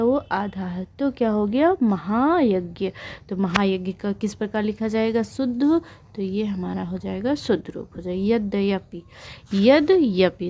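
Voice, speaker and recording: A woman's voice: medium pitch, warm tone. A woman teacher giving an online lesson, asking questions and then answering them herself.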